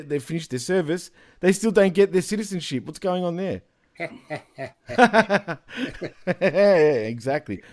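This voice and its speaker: A man co-hosting a wrestling podcast, blunt and laughing a lot in casual chat. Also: on the high side. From Australia. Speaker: podcast co-host.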